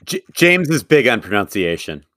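Bright-voiced man hosting, teasing. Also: medium pitch, sing-song, normal speed, no echo, clean studio sound. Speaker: podcast host. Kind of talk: casual podcast chat.

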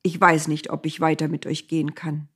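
A woman voicing God speaking from a cloud, calm, stern and unmoved, in a spoken Bible story. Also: low-pitched, fairly quick, slightly rough.

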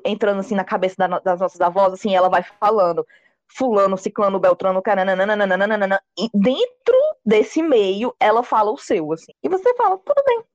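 A woman's voice: mid-range voice, darkish tone, dry recording. A young woman hosting a casual group chat, telling funny family stories with laughs. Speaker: host. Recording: dull lo-fi sound.

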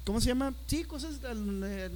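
A young man with a Mexican accent telling a story in slangy, animated casual chat, acting out the voices of the people he quotes. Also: extremely high pitch, normal speed. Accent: Mexican Spanish.

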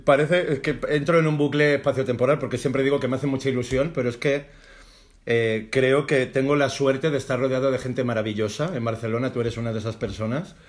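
Playful, chatty podcast host. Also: male voice, medium pitch, steady tone, a little fast. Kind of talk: casual podcast interview.

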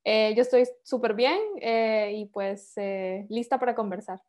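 A woman's voice: mid-range voice, steady tone, measured pace, darkish tone. A woman in her thirties with a Honduran accent, chatting as a podcast guest, with many fillers and restarts. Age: 30s. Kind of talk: casual interview chat.

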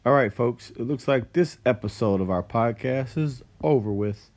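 A man's voice: medium pitch, normal speed, a little mellow, no echo. A man co-hosting a casual family podcast, talking in a playful, mock-serious way. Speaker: podcast co-host.

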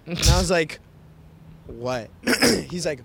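A man's voice: a little high, a little fast, crowd noise. Laid-back young man telling stories. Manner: loose storytelling, lots of "like" and "yo", laughs often. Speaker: podcast co-host. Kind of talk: casual chat.

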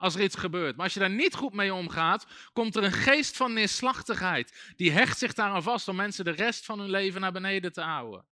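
A man's voice: high voice, expressive, a little fast, few pauses, bright, forceful tone, no room sound, studio quality. A man preaching a sermon in a conversational way, full of asides and restarts.

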